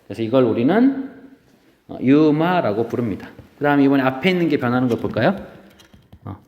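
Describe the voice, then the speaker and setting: A man teaching a recorded lesson at a medium pitch. He explains slowly and patiently, repeats terms and asks short checking questions. The sound is muffled and lo-fi, with a long hall reverb behind his voice. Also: big pitch swings. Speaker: Korean language teacher. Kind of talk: recorded classroom lecture. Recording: dull lo-fi audio with long reverb.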